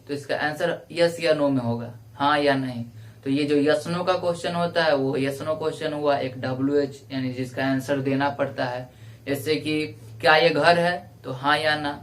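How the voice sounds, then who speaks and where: A male English teacher giving a classroom lecture, explaining grammar rules step by step and repeating each example slowly. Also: a little high. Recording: echoey room, voice from a distance.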